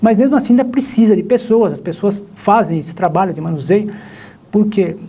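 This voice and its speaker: A man's voice: sits high, fairly quick, dark tone, breathy edge. A male professor with a Brazilian Portuguese accent, explaining logistics in a live online class, rambling with many restarts. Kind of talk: live online lecture chat.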